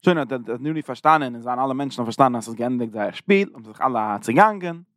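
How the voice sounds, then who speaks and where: A man teaching a lesson on a biblical chapter. He retells the story in plain everyday terms, in rapid run-on sentences with many restarts. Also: medium pitch, expressive, fairly bright tone, no room sound, clean studio sound.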